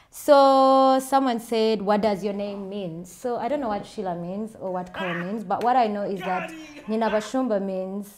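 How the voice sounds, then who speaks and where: A woman vlogger with a Ugandan accent and a mid-range, slightly mellow voice answers viewer questions. She chats casually and with self-assurance.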